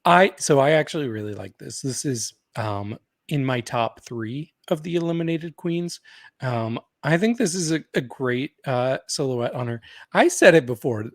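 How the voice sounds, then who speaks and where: A man's voice: medium pitch, lively intonation, normal speed, dry recording, studio quality. A man co-hosting a podcast in casual chat, opinionated and chatty, often laughing as he talks. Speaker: podcast co-host.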